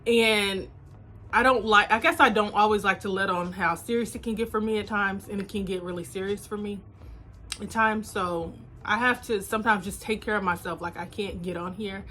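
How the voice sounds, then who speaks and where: A woman's voice: mid-range voice, steady tone, normal speed, sharp tone, a little hiss or hum. A woman in her thirties talking candidly and casually to her viewers, calling them y'all, filmed on a phone camera. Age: 30s. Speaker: vlogger. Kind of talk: casual confessional chat to viewers.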